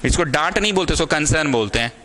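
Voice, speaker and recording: A young maths tutor teaches a small class, switching between Hindi and English and scolding his students in a way that still feels caring. His voice is a little high and bright, with lively intonation, a fast pace, and a forceful tone.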